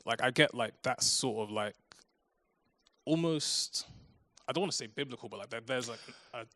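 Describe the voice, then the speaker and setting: A man hosting a casual interview, relaxed and slangy, with lots of "like" fillers. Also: medium pitch, normal speed, dry recording.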